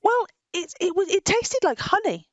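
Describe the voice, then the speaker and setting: Speaking at a normal speed with an extremely high, very animated voice, a woman informally presents a Bible story for children. She explains things in plain phrases, repeats herself a lot, and chuckles frequently. The audio is dry and lo-fi.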